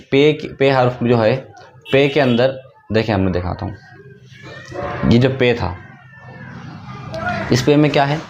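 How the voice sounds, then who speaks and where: A male teacher with a mid-range voice gives an online script lesson step by step, patiently spelling each word and echoing every answer back to the learner as a question. The highs are cut off and there's slight background noise.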